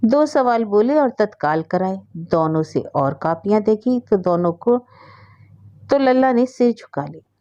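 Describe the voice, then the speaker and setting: A woman reads a story aloud in a steady, expressive way. Her voice is mellow and warm, and the recording has a slightly dull, lo-fi sound. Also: mid-range voice, a little slow.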